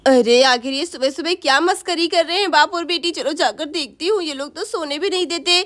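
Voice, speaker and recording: A woman voicing a busy village mother in a doll story, scolding, hurried and fond. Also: high voice, a bit bright.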